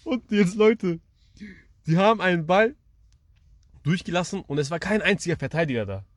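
A man's voice: high voice, normal speed, dry recording. A young man co-hosting a podcast, telling a story in casual slang and acting out the voices of the people in it. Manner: slangy, animated, acts out voices in his story. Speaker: podcast co-host.

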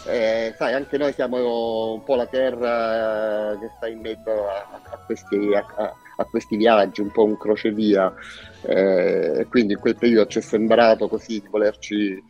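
A man's voice: on the low side, flat delivery, darkish tone, soft background music. A man from Salento giving a casual radio interview as a musician guest, speaking hesitantly and searching for words. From Salento, southern Italy. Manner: hesitant, with frequent pauses and searching repetitions. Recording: dull lo-fi audio.

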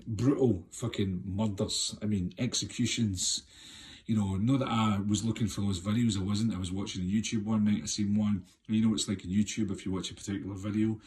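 A Scottish filmmaker and actor in his fifties rants on his podcast in a raw, unscripted monologue, impassioned, swearing heavily and firing off rhetorical questions. The sound is poor because the camera microphone sits too far away, and there is a little hiss or hum.

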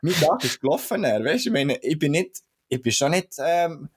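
A man from Switzerland with a Swiss German accent, co-hosting a casual podcast chat and telling a story with lively acted-out moments. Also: a little high, normal speed, husky. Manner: animated storytelling, acts out shouting. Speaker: podcast co-host.

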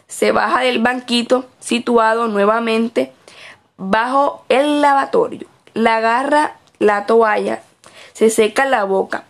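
A woman's voice: on the high side, creaky. A woman reading aloud her written observation report as a student observer, with small slips and self-corrections.

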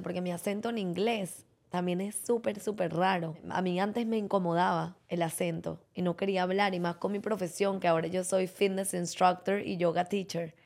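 Female guest from Venezuela, low register with some vocal fry, chatty and open. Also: darkish tone. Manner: chatty, talks easily about her life. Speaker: guest, yoga and fitness instructor. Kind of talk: casual interview chat.

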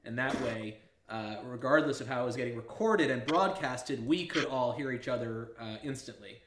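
A man hosting a podcast in casual chat, excitable and rambling, jumping between thoughts. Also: mid-range voice, normal speed. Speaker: podcast host. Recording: echoey room with loud background noise.

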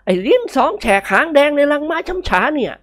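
A woman's voice: high-pitched, huge pitch swings, fast, fairly bright tone, voice pushed up, exaggerated voice. A woman voicing an elderly nobleman who barks stern orders in a storybook reading. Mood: scolding. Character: elderly Thai nobleman, gruff and scolding.

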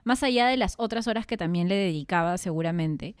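A woman's voice: mid-range voice, animated, fairly quick, dry recording, clean studio sound. A young woman, co-hosting a podcast in casual chat, thinking aloud with many fillers. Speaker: podcast co-host.

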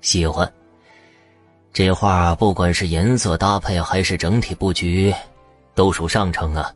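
A man playing a greedy, corrupt middle-aged official in an audio story, talking in a smug, gruff way. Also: deep voice, fairly even intonation, a little slow, no room sound, faint music behind, pitched below the performer's own voice. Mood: admiring.

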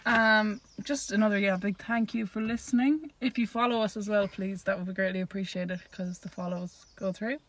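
A woman's voice: mid-range voice, fairly even intonation, moderate pace, hardly any pauses. A young woman with an Irish accent, chatting casually as a podcast co-host. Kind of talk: casual chat. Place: outdoors on a walk in woods.

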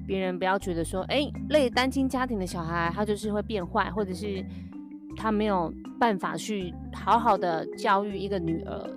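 A young woman with a Taiwanese Mandarin accent, co-hosting a casual chat and telling stories with lively acted-out voices. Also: medium pitch, moderate pace, over music. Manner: animated storyteller who acts out quoted voices. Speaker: podcast co-host.

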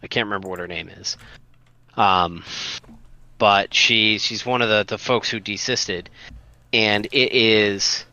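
A man's voice: lowish voice, unhurried, pauses often, pushed and bright, no echo, rough recording. A man co-hosting a casual podcast, talking earnestly with many restarts and fillers. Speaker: podcast co-host.

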